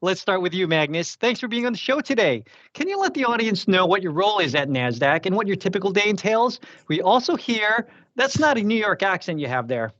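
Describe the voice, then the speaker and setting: A man's voice: high voice, big pitch swings, a little fast, few pauses, a bit bright, dry recording, dull audio. A man co-hosting a webinar from a remote setup, reading upbeat prepared lines. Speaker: co-host.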